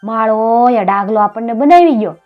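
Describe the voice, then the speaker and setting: A woman's voice: fairly high pitch, normal speed, highs cut off, soft background music, lightly acted. A woman voicing a scheming male royal minister who grumbles slyly. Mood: grumbling.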